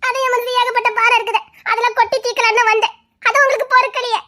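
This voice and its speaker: Woman doing a sulky young girl, snaps threats, real high and bright, talks fast, tamil accent. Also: little pitch movement. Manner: scolding, sulky, flaring into threats. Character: teary, sharp-tongued young woman sulking over love. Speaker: young woman in a romantic web drama. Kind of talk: comic romance skit acting.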